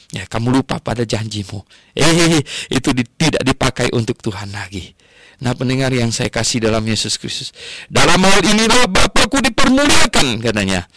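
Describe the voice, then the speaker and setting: A man preaching a radio sermon, telling stories with lively emphasis and frequent tag words. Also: medium pitch, slight background noise. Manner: animated storytelling, frequent "ya" tags.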